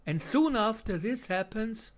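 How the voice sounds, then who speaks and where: Animated and high-voiced, a man with a German accent riffs over video footage without a script, his speech broken up by fillers and repeated restarts.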